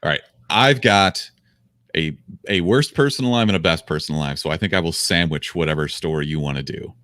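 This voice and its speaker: A young man with a very low, deep voice trades jokes on a casual podcast, sarcastic and loose with the swearing. His voice is recorded dry and close, with no room sound. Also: fairly quick, a bit bright, dry recording. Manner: riffing, sarcastic, profane. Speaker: podcast co-host. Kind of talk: casual comedic podcast chat.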